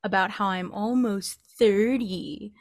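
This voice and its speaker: This American woman in her late twenties, from California, speaks at a mid-range pitch and takes her time. As a podcast co-host, she chats casually and tells personal anecdotes into a close studio mic with a pop filter, in a small indoor home recording setup.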